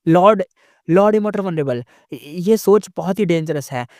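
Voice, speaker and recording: Anxious male court immortals plead and try to calm their angry lord, as a storyteller puts them on. Their tone is placating, and the voice sits fairly high for a man. The sound is dry and close. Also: normal speed, dry recording.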